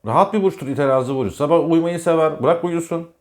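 A man's voice: on the high side, fast. A man who works as an astrologer, talking in a casual monologue about zodiac signs. He speaks emphatically, repeats himself and scolds the listener directly.

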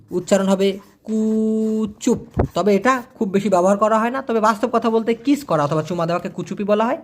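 Male language teacher, lively, repeats and spells each word. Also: high-pitched. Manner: explains slowly, spells out letters, repeats words. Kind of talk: casual vocabulary lesson.

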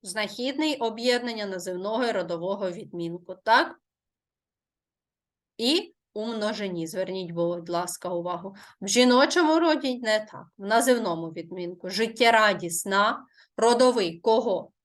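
A woman teaching a primary school language lesson. She speaks slowly and carefully, as in dictation, and asks questions that she answers herself. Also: medium pitch. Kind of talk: online Ukrainian language lesson.

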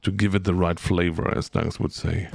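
Gravelly low-voiced man streaming a game. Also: flat delivery, normal speed, no room sound. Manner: chatty, hums and scats to himself, reads chat aloud. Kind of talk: casual gameplay commentary to chat.

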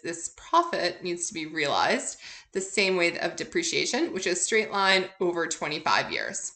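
A woman accounting instructor gives an informal recorded lecture, working through examples conversationally and answering her own questions as she explains. Her mid-range voice sounds pushed and bright.

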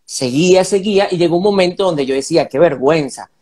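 A man's voice: sits high, quick pace, a little mellow. Earnest man explaining in numbered points. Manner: earnest, explains in numbered points, acts out parent-child dialogue. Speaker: interview guest. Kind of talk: conversational interview.

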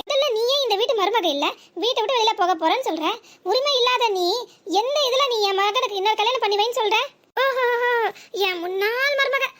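Woman doing a shrill old village mother-in-law, southern Tamil Nadu accent, very high, mocking, scolding, cartoon. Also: a bit bright.

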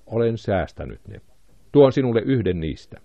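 A man's voice: fairly low pitch, sing-song, no echo, lo-fi sound. A man voicing an anxious, emotional mother in an audiobook, his voice raised.

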